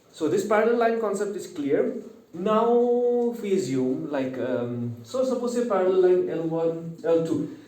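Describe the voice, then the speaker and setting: A man with a Naga accent gives an informal video lesson in a slightly high yet soft, mellow voice. He repeats key words and keeps checking in with little tag questions. The sound is echoey, as if the microphone stands some way off in a room. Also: recorded from a distance. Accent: Naga, Northeast Indian. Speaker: online mathematics teacher. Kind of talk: informal video lesson mixing English and local speech.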